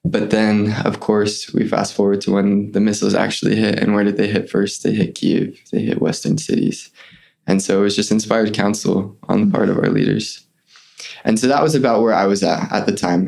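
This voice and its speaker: A man's voice: lowish voice, a little fast, vocal fry. A young man, a guest on an interview podcast, earnestly telling a story of his missionary service. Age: young adult. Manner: earnest, animated retelling with quoted voices.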